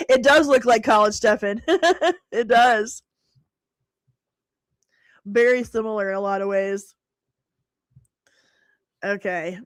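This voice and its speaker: A woman's voice: fairly high pitch, takes it slowly, pauses often, dry recording, clean studio sound. A middle-aged woman hosting a live stream, chatting casually, laughing often and answering viewers by name.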